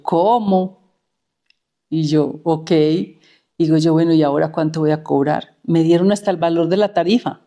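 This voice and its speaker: A woman's voice: on the low side, warm tone. A middle-aged woman, a therapist telling her own story in an anecdotal way and repeating words for emphasis. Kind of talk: personal storytelling.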